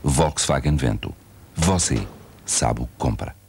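A man reading a car commercial voice-over in a calm, measured, slightly wry way. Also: extremely low pitch, vocal fry. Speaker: announcer. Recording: noisy VHS broadcast audio.

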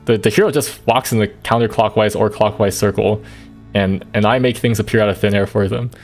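A man streaming a game, chatting casually and thinking aloud with quick reactions. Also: lowish voice, fairly even intonation, a little mellow, soft background music. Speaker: gaming streamer.

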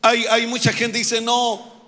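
Pastor guy preaching hard, sharp voice, long reverb in the church. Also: very high-pitched, unhurried. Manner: fervent, repetitive preaching that swells into shouts. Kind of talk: sermon.

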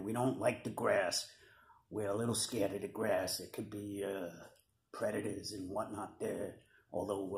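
A man doing a gravelly New York prairie dog puppet. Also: fairly low pitch, roomy sound. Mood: rambling. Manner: gravelly, chatty tough-guy patter with slang. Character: wisecracking male prairie dog puppet, streetwise hustler. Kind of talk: puppet comedy sketch. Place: home room with a bed.

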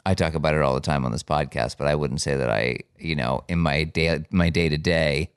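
A man with a very low, smooth voice trades dry, wry remarks while co-hosting a podcast. He sounds a little tired, speaking into a close microphone in a dead, dry room. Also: fairly even intonation, fairly quick, no room sound. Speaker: podcast co-host. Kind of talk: casual chat.

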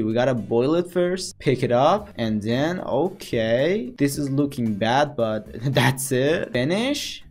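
A man giving casual, playful commentary as he plays a game, talking to the characters on screen. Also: medium pitch. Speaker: gaming commentator. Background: background music.

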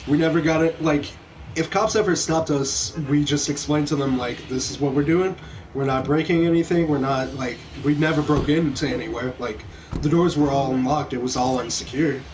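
With a slightly high, steady, somewhat mellow voice at a moderate pace, a young adult American-accented man from small-town Kentucky tells rambling stories over his game stream. He's in an indoor room at home with background music, and the low-quality recording has a little hiss or hum.

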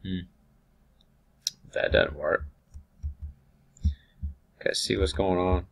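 A man teaching automation software over a screen recording, thinking aloud with ums and restarts. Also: low-pitched, steady tone, slow pace, creaky. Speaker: automation instructor.

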